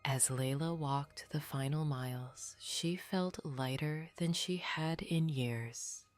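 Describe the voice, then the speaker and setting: A woman reading scripted sleep stories in a soft, breathy, half-whispered voice, soothing and gently guiding the listener toward rest. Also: deep voice, slow. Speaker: sleep story narrator. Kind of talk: scripted bedtime sleep story narration. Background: background music.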